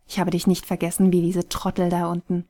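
A woman's voice: lowish voice, completely flat delivery, fairly quick, warm tone, close to an everyday voice. A woman voicing a guarded young man who is stubborn and afraid of losing his companion, speaking insistently in an audiobook reading. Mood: pleading, insistent.

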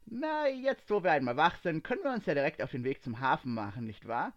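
A man voicing an excitable, curious young woman who talks eagerly and almost pleads, in a storybook reading. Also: on the high side, moderate pace, highs cut off.

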